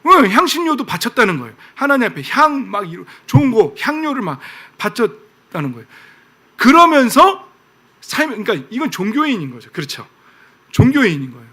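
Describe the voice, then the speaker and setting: Lively, high-voiced preaching man. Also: a little fast, breathy edge. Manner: lively, emphatic and conversational, asking the congregation questions. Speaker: pastor. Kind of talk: sermon.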